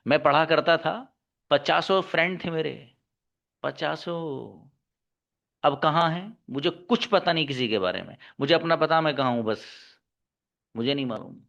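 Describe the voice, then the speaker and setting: A man's voice: a little high, normal speed, creaky, a bit bright. A male English teacher lecturing his class, scolding and exhorting his students to work hard. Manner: scolding, exhorting, calls students son and daughter. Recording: dull lo-fi recording.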